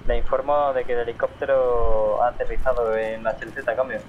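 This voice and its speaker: A man's voice: medium pitch, little pitch movement, a little fast. A man with a Spain Spanish accent calling in over an in-game radio, using formal, clipped military protocol and signing off every call. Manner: formal and clipped, ends each call with a sign-off. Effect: in-game radio transmission. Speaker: player calling in over radio as squad leader. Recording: tinny radio line with faint hiss.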